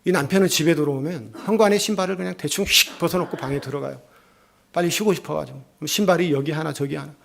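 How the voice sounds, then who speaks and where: A man's voice: on the high side, fast, gravelly. A male pastor giving a sermon, telling a family story and acting out its voices. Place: church.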